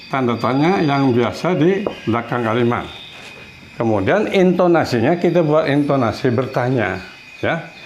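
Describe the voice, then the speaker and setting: Male language teacher at a whiteboard, mid-pitched voice, patient and repetitive, light background hiss. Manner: patient, repeats examples slowly. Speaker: Spanish teacher. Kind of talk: casual whiteboard lesson.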